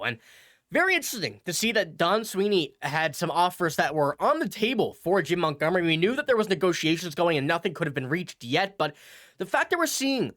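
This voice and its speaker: A hockey news host with a cold-stuffed, nasal voice gives casual commentary, wandering through his points, self-correcting, and reading out quotes. His voice sits high and sounds pushed and bright.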